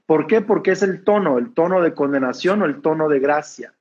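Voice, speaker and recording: A man's voice: fairly high pitch, animated, fairly quick, darkish tone, breathy edge, muffled recording. A Mexican man who is a preacher, talking casually in an interview with a smiling, laughing tone. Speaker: preacher, guest.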